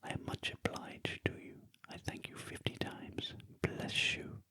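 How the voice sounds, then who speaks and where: A British man voicing a reformed, courteous old Victorian gentleman in a gentle, breathy whispered role-play for a storybook reading. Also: a little slow, no echo. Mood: grateful. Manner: polite, old-fashioned, gentle.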